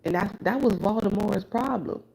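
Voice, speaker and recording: Heard on a low-quality recording, a woman with a warm, medium-pitched voice and vocal fry speaks at normal speed. She reads tarot and, after a sleepless night, rambles through a spiritual monologue, loose and blunt, with filler words, frequent restarts and offhand cursing.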